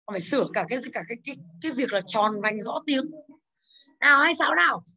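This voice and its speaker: A woman English teacher in a classroom, drilling her students with quick questions and telling them to speak up. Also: high voice, expressive, gravelly, pushed and bright.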